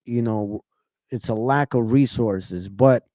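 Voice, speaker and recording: A man's voice: medium pitch, slow pace, warm tone, dry recording, studio quality. A young man from Ukraine hosting a podcast interview, talking in an impassioned way and often tacking on "man" and "you know what I'm saying". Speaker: podcast host.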